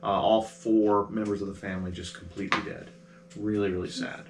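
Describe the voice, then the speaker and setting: A man's voice: lowish voice, level tone, fairly quick. Man narrating as game master, roomy. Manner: casual, filler-heavy, chatty narration. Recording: roomy with faint noise.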